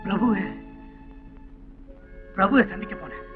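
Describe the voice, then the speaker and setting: A man's voice: sits high, a little slow. An actor playing an earnest young son who pleads with his father, in a 1960s film melodrama, on a dull old soundtrack with faint music. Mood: pleading.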